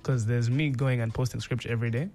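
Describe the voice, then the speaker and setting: A man's voice: mid-range voice, quick pace, faint music behind. A young man from South Sudan, a fashion entrepreneur, talking casually as a radio guest. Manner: relaxed, casual, laughs easily. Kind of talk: radio interview.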